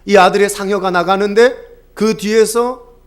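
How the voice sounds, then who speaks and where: High-voiced man preaching an impassioned sermon. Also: steady tone, normal speed, clean tone. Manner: impassioned, swelling into fervent exhortation; storytelling, acting out quoted dialogue.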